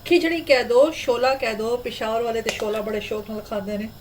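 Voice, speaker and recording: A woman's voice: a little high, moderate pace. A woman, hosting a home cooking tutorial in a chatty, homely way from her kitchen. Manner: chatty, homely, relaxed explaining. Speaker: cooking channel host. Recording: clear frying and stirring noise. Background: sizzling pan and stirring.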